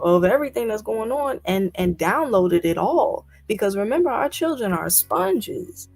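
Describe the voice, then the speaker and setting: Here a woman with a medium, darkish-toned voice co-hosts a podcast. She argues emphatically in casual discussion, throwing out one incredulous rhetorical question after another.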